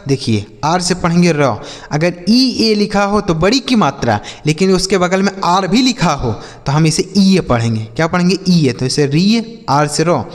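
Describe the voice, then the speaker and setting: A man's voice: high voice, animated, moderate pace, few pauses, big-room sound. A man teaching English reading step by step. He asks his students questions and answers them himself. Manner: addresses students as kids and brother. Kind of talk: classroom-style phonics lesson.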